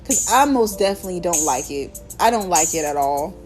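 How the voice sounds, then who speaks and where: A woman's voice: fairly low pitch, brisk, music in the background. A young American woman hosting her own podcast, talking casually and candidly with lots of slang and swearing while telling stories. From United States. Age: young adult. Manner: candid, profane, animated storytelling with slang. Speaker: podcast host. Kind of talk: casual solo podcast chat.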